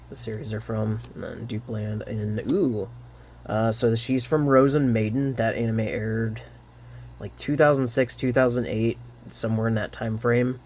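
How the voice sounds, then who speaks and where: A man rambling through a card unboxing, halting often with fillers and restarts, a little winded. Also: fairly low pitch, a little hiss or hum. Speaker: card unboxing channel host. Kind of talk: casual unboxing commentary.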